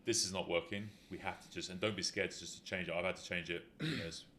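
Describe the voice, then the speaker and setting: A man's voice: sits low, steady tone, fast talker, sharp tone, a little hiss or hum. A man hosting a fitness talk show, explaining things in a rambling casual chat full of fillers. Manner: rambling, explanatory, many "you know" fillers. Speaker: fitness talk show host, injury rehab specialist.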